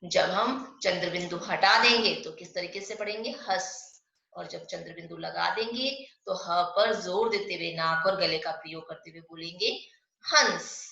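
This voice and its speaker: Woman teacher doing online hindi class, bright voice, asks then answers herself, echoey lo-fi sound. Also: on the low side, vocal fry. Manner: explains step by step, asks questions and answers them herself; slows down and stresses sounds when saying example words. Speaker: primary school Hindi teacher. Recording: echoey, dull lo-fi room sound.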